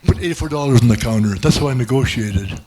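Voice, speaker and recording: A man's voice: medium pitch, fast talker, background noise. A man doing stand-up, telling a rambling self-mocking story with many restarts. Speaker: stand-up comedian. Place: comedy club stage.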